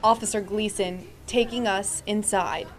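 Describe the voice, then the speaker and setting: A woman's voice: mid-range voice, fairly even intonation, unhurried, over loud music. An American woman, a television reporter, reading scripted news narration.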